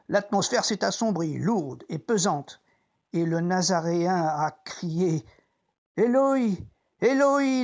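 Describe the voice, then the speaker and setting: An actor plays a troubled, conscience-stricken Roman centurion in a dramatic biblical monologue, reflecting as if talking to himself. His delivery is introspective, deliberate and theatrical, in a medium-pitched, creaky voice.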